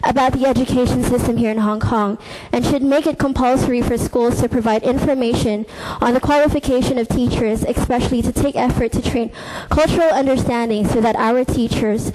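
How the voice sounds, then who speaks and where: A young woman, a university student, reads out earnest, critical deputation testimony through a desk microphone in a legislative committee meeting room. Her voice is on the high side and steady, brisk with few pauses, over a noisy background.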